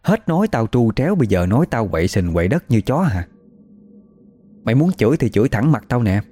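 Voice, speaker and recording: A man's voice: mid-range voice, big pitch swings, fairly quick, mellow. A man voicing an angry middle-aged village man, scolding and accusing in a told ghost story. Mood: indignant.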